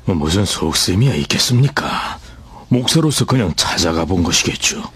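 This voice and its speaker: A mild, conciliatory church elder for a radio drama. The older male voice is deep and very husky, with lively rises and falls, recorded dry. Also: moderate pace, no echo, exaggerated voice. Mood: doubtful.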